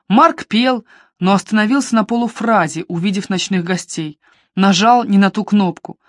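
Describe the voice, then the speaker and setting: A woman narrating a detective audiobook in a steady, even storytelling voice. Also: medium pitch, no room sound, studio quality.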